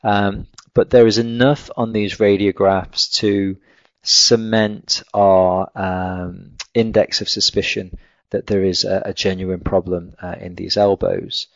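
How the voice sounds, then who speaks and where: A man lecturing on a clinical case over slides, in a measured, technical way with frequent fillers. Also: sits low, little pitch movement, vocal fry, no room sound. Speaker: veterinary lecturer. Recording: dull lo-fi dry recording.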